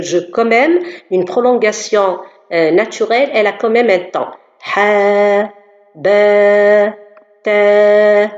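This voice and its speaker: A tajweed teacher gives a pronunciation lesson in a slow, patient, careful way, using her mid-range voice to demonstrate sounds and repeat syllables. The recording is lo-fi, with a dull, echoey room sound.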